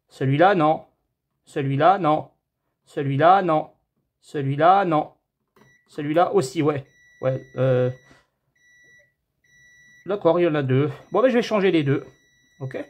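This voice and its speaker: Man, husky voice, casual repair tutorial, chatty, thinks out loud, workshop. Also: on the high side. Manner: chatty, talks to viewers as friends, thinks aloud while measuring. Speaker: TV repair technician.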